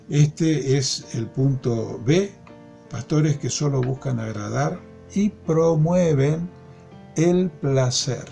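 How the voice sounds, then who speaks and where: A man leading a Bible study from a workbook, slow and deliberate, repeating key phrases and verses. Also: mid-range voice, creaky, dark tone. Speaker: discipleship teacher.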